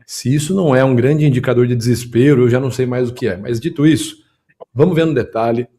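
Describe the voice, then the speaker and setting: A man hosts a commentary show and talks fast with a mellow, dark tone. He breaks down video clips point by point, speaking emphatically to viewers and to his production team. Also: mid-range voice. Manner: quick, emphatic, analytical, talks to the audience and production. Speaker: political commentator and show host.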